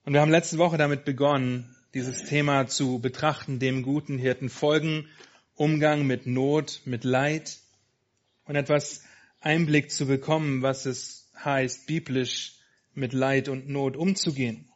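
A man's voice: mid-range voice, steady tone. A man preaching a sermon, praying earnestly and reading a children's story aloud, with occasional hesitations. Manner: earnest, halting with fillers. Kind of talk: sermon with prayer and read-aloud. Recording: dull lo-fi sound.

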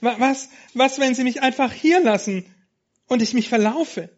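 A frightened little female sheep stammers out her worries in a thin, high voice, as a man puts her on while reading a storybook. She is anxious and hesitant. The recording sounds dull and lo-fi. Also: lively intonation, slow pace. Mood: fearful.

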